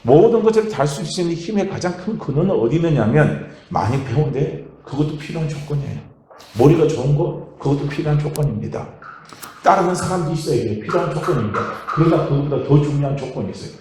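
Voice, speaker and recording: Korean pastor, male, higher voice, lively sermon delivery, strong church echo. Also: fast, slight background noise. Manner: animated preaching, swings from quiet to loud outbursts. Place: church sanctuary. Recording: echoey church hall.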